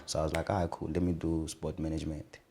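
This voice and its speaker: South African actor in his twenties, very low voice, relaxed and laughing guest. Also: quick pace, gravelly, a little hiss or hum. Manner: relaxed, laughs often, repeats words. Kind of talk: casual interview chat.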